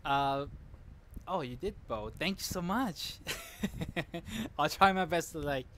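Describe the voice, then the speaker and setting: A man's voice: on the high side, expressive, takes it slowly, a bit bright, slight background noise. A man streaming live, telling a rambling story, laughing often and correcting himself as he goes. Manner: reacts to chat mid-story.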